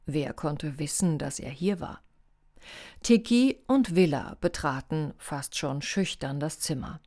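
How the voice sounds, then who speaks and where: A woman narrating a novel as an audiobook in an even, measured reading. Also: low voice.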